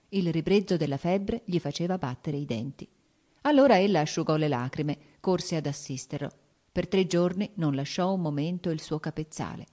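A woman reads a classic novel aloud in a measured, expressive way. Her voice sits low for a woman and sounds mellow and warm. The delivery is steady literary narration. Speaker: audiobook narrator.

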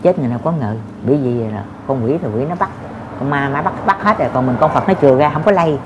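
Low-voiced woman. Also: animated, very fast, noisy background. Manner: reassuring, repetitive, homely. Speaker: spiritual adviser. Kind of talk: casual spiritual talk.

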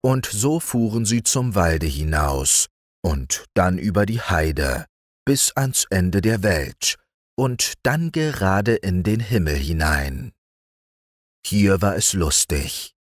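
A man reads a fairy tale for sleep in a calm, soothing storyteller voice. His voice is low and unhurried, with lively pitch swings as he tells the tale. The recording is close and dry. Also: no room sound. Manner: calm, soothing bedtime reading. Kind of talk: audiobook fairy-tale narration.

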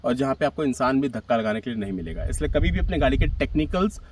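Standing outdoors by a small car on a grassy hillside, a middle-aged man talks fast and animatedly in a medium-pitched, slightly mellow voice, gesturing while he explains how he built his little camper van. It's a practical explanation caught by a camera a few metres off, giving a distant, rough recording with a bit of hiss or hum.

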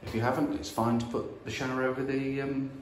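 A property investor makes a walkthrough video of an empty house, chatting casually with frequent fillers and restarts into a handheld phone at arm's length. His medium-pitched voice is flat and a little fast, and the low-quality recording carries a little hiss or hum.

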